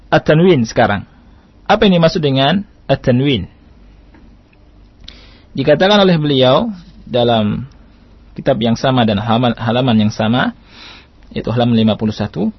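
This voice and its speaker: A man teaching recitation rules in an Indonesian radio lesson, patient and repetitive, sometimes chanting verses slowly. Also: a little high, breathy edge, no echo. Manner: patient, repeats key points, chants Arabic verses slowly. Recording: dull dry radio broadcast.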